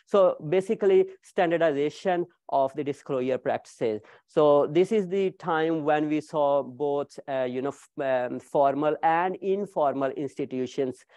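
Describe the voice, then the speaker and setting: A man in his thirties giving an academic keynote lecture in a small seminar room, speaking with animated gestures and frequent fillers. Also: fairly high pitch, no echo, studio quality. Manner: animated, gestures while pacing, frequent "uh, you know" fillers. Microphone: far room camera.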